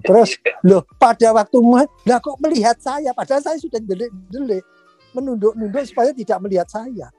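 A man, telling stories in a casual chat, animated and laughing often as he acts out quotes. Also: extremely high pitch, normal speed, slightly rough, no room sound, faint music behind.

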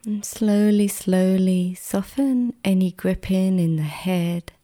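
A woman guiding a relaxation meditation like a sleep story narrator, soothing and gentle, with a soft, sometimes breathy voice and long pauses. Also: mid-range voice. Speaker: meditation guide.

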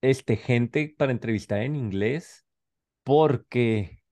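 A man's voice: mid-range voice, takes it slowly, dark tone. Casual, slangy Mexican man hosting. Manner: colloquial, slangy, rambling with many filler words. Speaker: podcast host. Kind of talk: casual chat.

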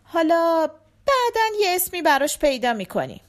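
A woman reading the lines of a gentle, tired father who answers his daughter in short, hesitant replies in an audiobook. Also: very high-pitched, big pitch swings, voice pushed up. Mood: subdued. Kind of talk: audiobook character voice.

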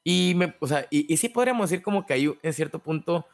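A man hosts a casual podcast discussion. He speaks haltingly and often stalls and restarts mid-phrase. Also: a little high, expressive, faint music behind. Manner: hesitant, halting with many restarts. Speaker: podcast host.

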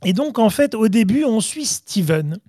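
A man's voice: sits high, big pitch swings, moderate pace, dark tone, no echo. Guy hosting a podcast, jokey, leads the chat, dry close sound. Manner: joking, leads the topics. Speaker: podcast host.

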